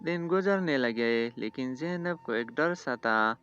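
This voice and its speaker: A man narrating a family story in a measured storytelling manner. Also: medium pitch, expressive, a bit bright, clean tone. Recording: dull lo-fi audio with faint music behind.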